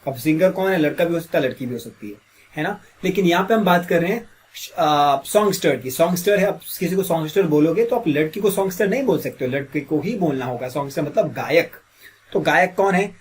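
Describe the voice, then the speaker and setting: A man teaches an English grammar lesson in a husky, slightly raised voice. His throat is a little sore, so he keeps clearing it. He drills the listener with the same question again and again. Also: on the high side, animated, fairly quick.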